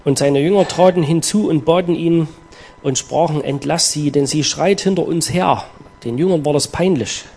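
A man preaching a sermon, reading scripture aloud and explaining it with earnest emphasis and dramatic pauses. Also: on the high side, darkish tone, a little hiss or hum.

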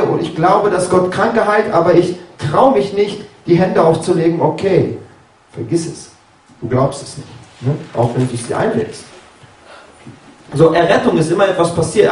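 Man, sermon, chatty, fairly high voice, echoey room. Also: darkish tone, recorded from a distance. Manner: conversational, keeps asking "ja?" and "ne?"; acts out biblical dialogue with sudden pitch jumps. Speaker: preacher. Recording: roomy, from off-mic.

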